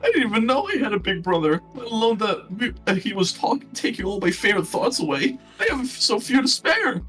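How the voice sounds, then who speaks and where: Man putting on a young stoner dude, drawling, mellow, easily spooked, lifted higher, game voice. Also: very animated, fairly quick, distant mic, faint music behind, rough recording. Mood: alarmed. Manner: drawling, mellow stoner talk turning anxious. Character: laid-back young male stoner, easily rattled.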